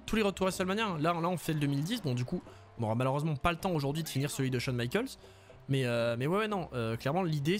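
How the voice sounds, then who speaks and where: A man giving casual, joking gameplay commentary, animated and quick to swear, with faint game music behind him. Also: fairly high pitch. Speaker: let's play host.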